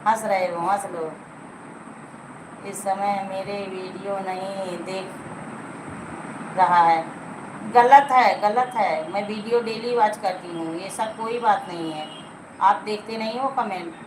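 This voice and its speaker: Slow-talking woman hosting a noisy live stream. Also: mid-range voice, fairly even intonation. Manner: chatty, teasing, coaxing viewers to like and comment. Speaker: livestream host. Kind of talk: casual live-stream chat with viewers.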